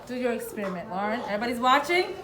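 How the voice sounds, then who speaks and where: Racing through her words with big swings in pitch, a woman with a slightly high voice teaches young children by demonstration, repeating short directions and praising them often. The echoey classroom is filled with the chatter of a group of kids.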